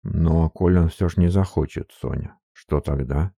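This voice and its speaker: A burly, stubborn man, sorrowful and halting, his voice deep, slow and gravelly as a male narrator plays him. He drags each word out with stubborn weight. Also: mellow, dry recording, studio quality, full character voice.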